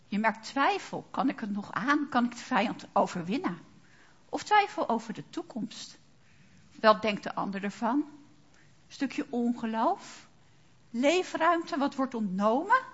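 A woman delivers a sermon in a husky, rather high voice. Her pitch rises and falls widely as she puts question after question to the congregation. The recording sounds dull and lo-fi. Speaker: preacher.

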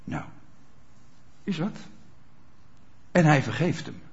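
Lively, conversational male preacher. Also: on the high side, slow pace. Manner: conversational, often checking in with listeners. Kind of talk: sermon. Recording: dull lo-fi sound.

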